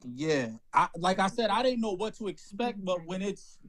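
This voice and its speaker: A man co-hosting a podcast, telling an anecdote in an animated, profane, casual way. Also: sits high, normal speed. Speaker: podcast co-host. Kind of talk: casual storytelling chat.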